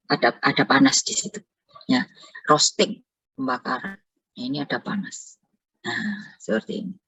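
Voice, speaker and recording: A woman's voice: extremely low pitch, creaky, a bit bright, husky, no room sound, poor audio. A middle-aged woman giving an online university chemistry lecture in a chatty, digressive way. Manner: chatty, digressive, tells anecdotes with acted dialogue.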